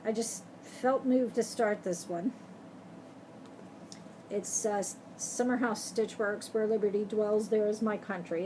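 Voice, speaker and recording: A woman's voice: medium pitch, a little mellow, slight background noise, rough recording. Chatty woman vlogging about her cross-stitch. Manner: chatty, rambling, self-correcting. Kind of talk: casual show-and-tell chat.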